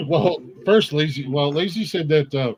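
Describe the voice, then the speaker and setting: A man's voice: fairly high pitch, measured pace, darkish tone, rough recording. A man hosting a live podcast stream, joking and teasing the panel with crude banter. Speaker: podcast host. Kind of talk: casual live stream chat.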